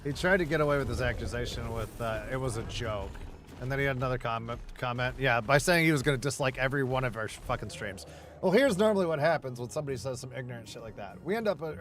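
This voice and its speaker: A man's voice: mid-range voice, lively intonation, quick pace, fairly bright tone. Man cursing through casual gaming chat. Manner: profane, rambling, many restarts. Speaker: gamer chatting with a friend.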